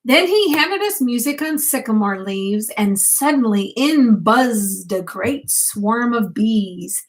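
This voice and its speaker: A grandmother with a fairly high-pitched voice reads a rhyming picture book aloud to young children at bedtime, addressing them directly. Her reading is expressive and unhurried, captured on a low-quality recording.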